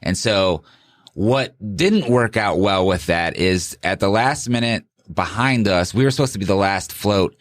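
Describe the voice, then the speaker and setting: Rambling man with a low voice. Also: a little slow, dry recording. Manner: rambling, with many restarts and self-corrections. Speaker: guest, sheriff candidate. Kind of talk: casual interview talk.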